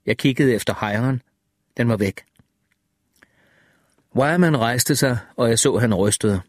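A man narrating a first-person audiobook in a measured, even storytelling manner, slowing down on vivid details. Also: medium pitch, no room sound, clean studio sound.

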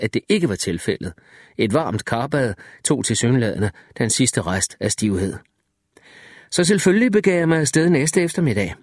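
A man narrating an audiobook story in the first person, with an expressive storytelling delivery. His pitch moves in a lively way across phrases. The reading is recorded dry and close, with no room sound. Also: dry recording.

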